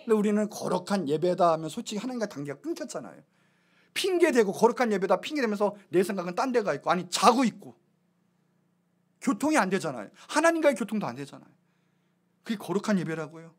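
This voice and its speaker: Male pastor with a high, animated voice, preaching to a congregation in a church. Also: quick pace. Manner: animated, swings between loud exclamations and hushed asides. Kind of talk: lively sermon. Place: church sanctuary.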